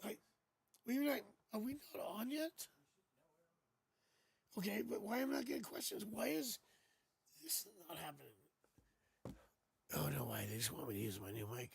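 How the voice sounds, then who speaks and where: Through a new studio microphone with no room sound, a raspy, high-pitched man runs a relaxed live tarot stream. He jokes and chats playfully at a moderate pace, leaving long pauses.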